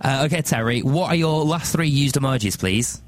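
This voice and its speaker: A man with a Lancashire accent hosting a radio breakfast show, excitable and mock-dramatic, laughing often. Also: mid-range voice, normal speed. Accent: Northern English, Lancashire. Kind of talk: lively radio chat. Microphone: studio microphone.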